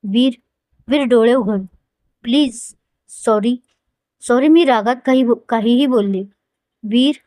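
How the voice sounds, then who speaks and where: A woman's voice: on the high side, slow pace, pauses often, mellow, no room sound, clean studio sound. A woman voicing a hurt, defiant young woman who speaks emotionally and pleadingly. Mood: desperate.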